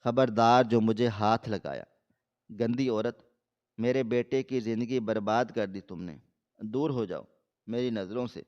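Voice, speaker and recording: A scolding older mother-in-law, read by a male storyteller in a smooth, clear voice. The recording sounds a little dull and lo-fi. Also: lowish voice, steady tone, a little mellow, long reverb tail, lightly acted. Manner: wailing, scolding reading.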